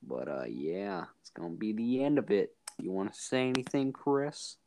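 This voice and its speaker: A man's voice: lowish voice, very animated, normal speed, gravelly, darkish tone, slight background noise, rough recording. A man co-hosting a casual podcast, laid-back and joking as he chats. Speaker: podcast co-host.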